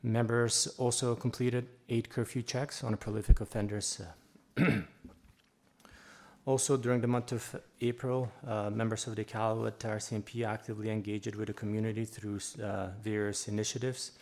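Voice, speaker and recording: Man, police sergeant, low flat voice, hesitant, formal meeting report. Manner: halting, hesitant delivery. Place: council meeting room.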